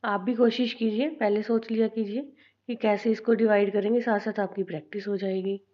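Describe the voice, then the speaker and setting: A woman with an Indian accent teaching an English lesson, speaking slowly and deliberately, spelling out letters and repeating things for her students. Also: medium pitch, level tone, muffled recording. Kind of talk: classroom lesson mixing Hindi and English.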